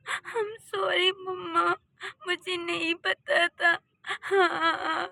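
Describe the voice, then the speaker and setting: A woman's voice: very high-pitched, level tone, extremely slow, creaky, pushed and bright, dry recording, studio quality. A woman voicing a frightened young village woman who pleads tearfully in a cartoon story. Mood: crying. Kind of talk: cartoon voice acting.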